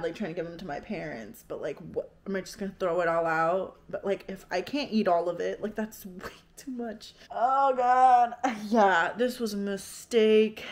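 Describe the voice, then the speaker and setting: A woman's voice: medium pitch, a little mellow. A young woman talking casually to the camera in a home vlog. She rambles and laughs often, and she pokes fun at herself. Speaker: vlogger.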